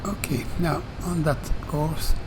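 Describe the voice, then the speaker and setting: A man giving step-by-step flight commentary as a simulator pilot, pausing often in mid-sentence. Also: on the high side, background noise. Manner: halting, pauses mid-sentence. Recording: steady aircraft drone behind voice.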